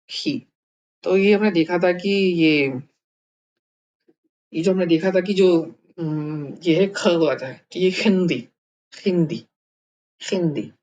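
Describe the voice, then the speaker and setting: A man's voice: sits high, darkish tone. A man teaching a language lesson in a casual way, thinking aloud with many fillers and repeated words.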